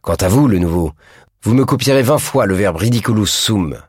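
A man's voice: on the low side, animated, moderate pace, darkish tone, slightly rough, no echo, clean studio sound. A man reading aloud and voicing a stern, irritable schoolmaster who barks orders at his class. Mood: furious. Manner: barking commands, raising his voice.

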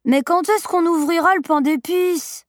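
A woman voicing an eager, hungry little boy in a storybook reading, with a high childlike pleading voice. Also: unhurried, dry recording, clean studio sound. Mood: curious.

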